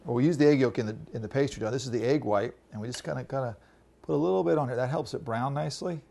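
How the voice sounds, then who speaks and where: A middle-aged chef patiently coaches children through a recipe in a home kitchen as a cooking demonstration. His mid-range voice is dark, rapid-fire, and laced with vocal fry.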